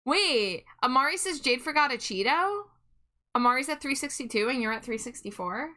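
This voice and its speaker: A woman's voice: high voice, animated, normal speed, pushed and bright. A woman hosting a casual livestream, chatting in a cute, playful anime-streamer manner. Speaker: livestream host.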